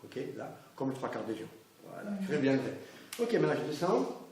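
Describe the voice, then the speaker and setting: A man's voice: mid-range voice, big pitch swings, brisk, a little mellow. A middle-aged man leads a hands-on massage class, chatty and checking in with his students. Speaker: massage instructor. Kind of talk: hands-on teaching demonstration. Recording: roomy echo, faint background noise.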